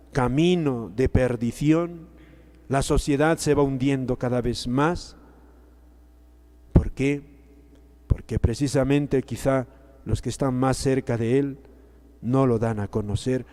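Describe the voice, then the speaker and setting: A male priest giving a sermon, preaching slowly and emphatically, repeating key words with pauses between phrases. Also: medium pitch, darkish tone. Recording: long hall reverb.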